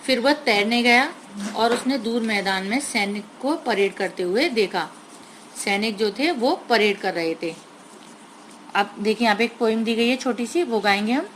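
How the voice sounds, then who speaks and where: A woman teacher slowly explaining a grammar lesson to young children, sounding out words carefully and mixing in English words. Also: fairly high pitch, fairly bright tone, a little hiss or hum, poor audio.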